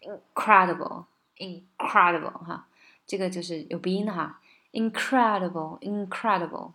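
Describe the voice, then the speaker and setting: A woman giving a casual spoken lesson on singing and pronunciation, patient and coaxing, often checking in with listeners and slowing down to model English words. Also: fairly low pitch, steady tone, slight background noise. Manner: slows down to model English words, sometimes sings lines.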